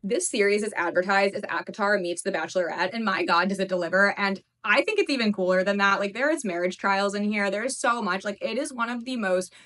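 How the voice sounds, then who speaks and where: A young woman in her twenties gushing over books in a casual reading vlog, talking quickly and full of "like" fillers. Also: medium pitch, a bit bright. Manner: gushing, fast, lots of "like" fillers. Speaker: book reviewer. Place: her apartment, indoors.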